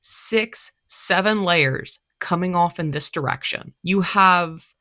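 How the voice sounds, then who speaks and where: A woman's voice: on the low side, slow pace, bright, forceful tone. A young woman with a stuffy nose from allergies, chatting in a rambling, self-deprecating way as she walks through her cosplay build to camera. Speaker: cosplay vlogger. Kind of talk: rambling casual talk to camera.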